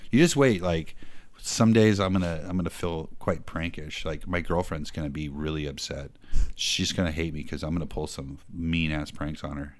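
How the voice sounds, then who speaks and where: Deep-voiced man telling crude stories. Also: steady tone, normal speed. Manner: crude storytelling, joking. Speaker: podcast co-host. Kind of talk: casual chat.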